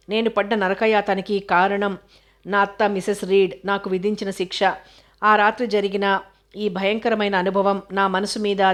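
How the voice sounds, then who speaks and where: A woman narrating an audio novel in a steady, measured storytelling manner. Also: mid-range voice. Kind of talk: scripted narration.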